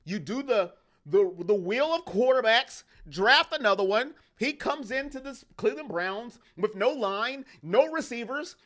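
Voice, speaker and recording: A man's voice: very high voice, lively intonation, fairly bright tone. A man hosting a fan livestream, ranting heatedly about his team and reading chat messages aloud. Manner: heated, ranting, fast-shifting intensity. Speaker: fan channel host.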